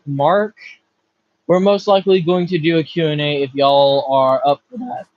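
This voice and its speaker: Young male streamer host, filler-heavy chat, muffled low-quality recording. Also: steady tone, normal speed, no room sound. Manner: loose, filler-heavy, keeps track of time. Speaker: livestream host. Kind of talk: casual livestream chat. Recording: dull lo-fi stream audio.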